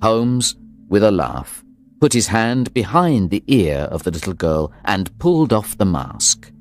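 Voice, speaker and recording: A man reads a story aloud in a steady, clear narrating manner. His voice is very deep yet moves with lively rises and falls. Soft music runs quietly underneath. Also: a little slow.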